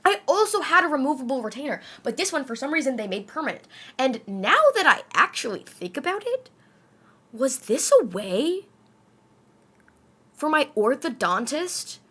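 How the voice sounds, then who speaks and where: A woman's voice: sits high, sing-song, moderate pace, sharp tone. A young adult woman streamer with a slight lisp, chatting casually with her viewers in a rambling way, full of fillers and swearing.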